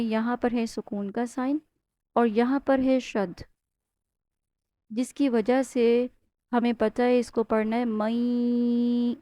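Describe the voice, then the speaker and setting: A woman's voice: a little high, a little mellow, no echo. Patient woman teaching Quran recitation. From Pakistan. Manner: explains patiently, checks in with "ok?", slowly chants Arabic words as models. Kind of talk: step-by-step Tajweed lesson.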